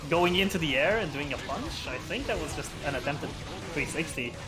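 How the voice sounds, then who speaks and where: Male esports co-commentator, analytical, slightly high voice, game music under him. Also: expressive, a little fast. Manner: analytical, talks through the players' options.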